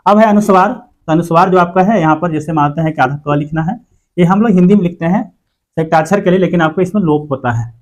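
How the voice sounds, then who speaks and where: High-voiced man teaching a lesson. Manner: explains step by step, repeats words slowly for the viewer. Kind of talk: exam-prep language lesson.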